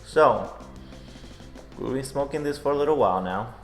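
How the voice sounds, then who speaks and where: A man's voice: mid-range voice, animated, normal speed, fairly bright tone. A man co-hosting a product review in casual, conversational chat. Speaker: co-host of a pipe tobacco review. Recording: echoey room, music in the background.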